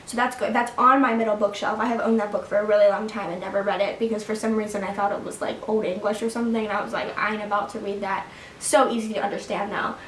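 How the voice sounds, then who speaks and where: A medium-pitched, somewhat bright voice belongs to a seventeen-year-old vlogger chatting to camera from home at a quick pace and level tone. She rambles casually to her viewers with plenty of fillers and little laughs. A distant mic in an echoey room leaves some hiss or hum.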